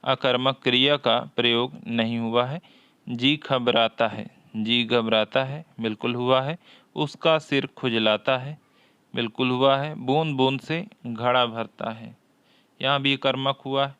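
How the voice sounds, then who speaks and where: A man teaching a Hindi exam-prep lesson, reading each question aloud, often twice, and explaining the answer deliberately. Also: medium pitch, fairly even intonation, fairly bright tone, smooth, no room sound, dull audio.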